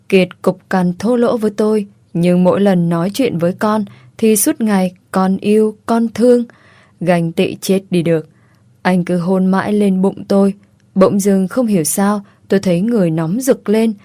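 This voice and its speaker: A woman narrating a first-person story in a steady, conversational reading style. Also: medium pitch, no echo.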